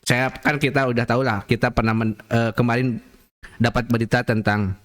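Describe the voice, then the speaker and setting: A man with a mid-pitched, ordinary voice hosts a casual podcast. He asks curious, chatty questions and keeps the guest going with quick murmurs. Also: little pitch movement, fairly bright tone. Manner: curious, chatty, frequent short backchannels. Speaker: podcast host.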